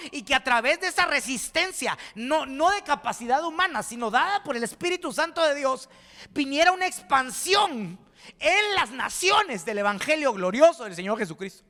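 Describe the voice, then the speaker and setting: A man's voice: very high voice, bright, forceful tone. A man from Guatemala preaching a sermon as pastor, fervent, with repeated words and restarts, rising to exclaim. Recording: reverberant hall.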